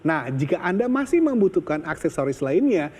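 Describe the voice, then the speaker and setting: A man presenting an infomercial, delivering a persuasive sales pitch straight to viewers. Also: big pitch swings, brisk, darkish tone, breathy edge, in a large hall. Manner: persuasive, urging viewers to call.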